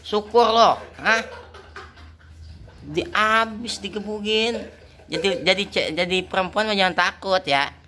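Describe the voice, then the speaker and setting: A man keeps up a slow, casual running commentary to his cats. He teases and scolds them playfully. His voice sits a little high and sounds bright and forceful. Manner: teasing, scolding chatter to animals. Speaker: pet channel host.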